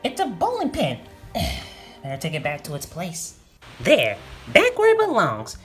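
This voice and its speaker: Feisty young girl guard , a woman voicing her, bouncy, yelps when angry, very wide pitch swings. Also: huge pitch swings, measured pace, soft background music, exaggerated voice. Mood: playful. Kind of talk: amateur toy-movie voice acting.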